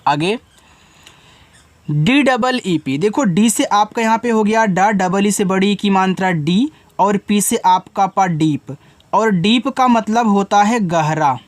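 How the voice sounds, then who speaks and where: Patient teacher slowly spelling out words. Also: mid-range voice, no room sound. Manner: spells letters slowly, then explains and quizzes students. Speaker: English teacher. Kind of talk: spelling lesson, sounding out English words.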